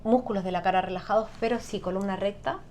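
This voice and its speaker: A woman guest on an interview, explaining calmly and often adding tag questions. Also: mid-range voice, fast talker, a little hiss or hum. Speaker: sound therapist guest. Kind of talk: conversational interview.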